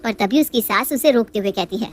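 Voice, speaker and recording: A woman narrating a family story in a calm, even storytelling manner. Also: fairly high pitch, fairly quick, slight background noise.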